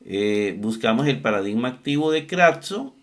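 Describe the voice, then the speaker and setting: A Bible exegesis teacher gives a slow screen-share lesson on Greek verb forms, working methodically, repeating each term and thinking aloud while he looks things up. His voice is medium-pitched with lively intonation at a moderate pace.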